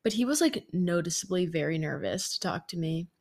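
A woman's voice: lowish voice, animated, a little fast, vocal fry, a little mellow. A woman in her twenties, a podcast host, telling a story in a chatty way with lots of filler words. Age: 20s. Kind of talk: casual storytelling monologue.

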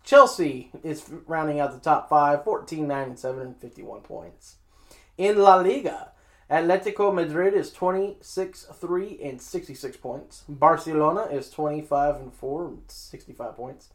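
Hosting a casual sports show, a man reads out league standings and scores while joking at his own expense. His voice is fairly high, and he keeps a moderate pace.

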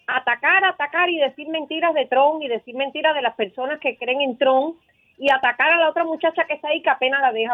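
A woman calls in to a radio show. Her voice is high and comes through a narrow, tinny phone line, and she speaks with indignant passion. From Cuba. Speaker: radio caller. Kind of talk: impassioned call-in comment.

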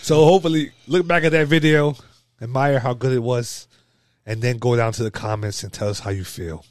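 A man co-hosting a podcast, chatting about boxing with quick asides. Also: medium pitch, steady tone, no room sound, clean studio sound. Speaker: podcast co-host. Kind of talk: casual boxing chat.

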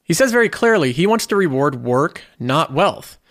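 A man's voice: a little high, very animated, normal speed, fairly bright tone. A man hosting a finance video, explaining in scripted commentary and posing rhetorical questions.

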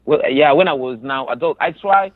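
In a narrow, phone-like recording without echo, a man with a Congolese accent tells his own story at normal speed, his voice on the high side. Originally from the DR Congo, he grew up in a refugee camp in Tanzania and was later resettled, and he speaks as an interview guest, earnest and emphatic, frequently repeating himself.

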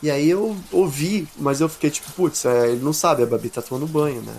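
A Brazilian man hosting a podcast from his attic, telling a story in lively casual chat and acting out the voices he quotes. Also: a little high, a little fast, slight background noise. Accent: Brazilian Portuguese. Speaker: podcast host. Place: attic room at home.

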